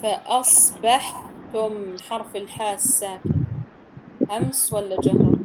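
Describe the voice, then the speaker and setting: A woman's voice: mid-range voice, brisk, very noisy. A woman teaching Quran recitation, patiently correcting pronunciation and drilling the rules of letters. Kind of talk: tajweed instruction.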